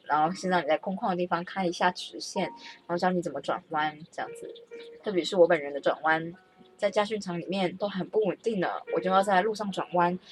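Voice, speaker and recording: A young woman telling a story in a casual, animated, self-mocking way. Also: on the low side, poor audio. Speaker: vlogger. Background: faint background music.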